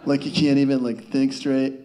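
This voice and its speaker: A man's voice: mid-range voice, flat delivery, moderate pace, dark tone. A male stand-up comedian telling a rambling story with stammers, restarts and chuckles.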